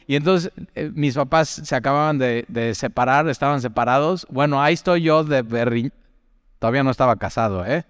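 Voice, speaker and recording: Chatty preacher, smooth clear voice. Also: male voice, mid-range voice, a little fast, dry recording, clean studio sound, in a large hall. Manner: chatty, tells personal anecdotes, asks the listener questions. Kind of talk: conversational sermon.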